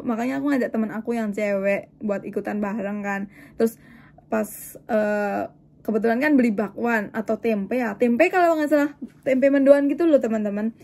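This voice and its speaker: High-voiced young woman telling a story. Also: moderate pace. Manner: chatty, animated, acts out dialogue in quotes. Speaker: vlogger living in Japan. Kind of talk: casual storytelling to viewers.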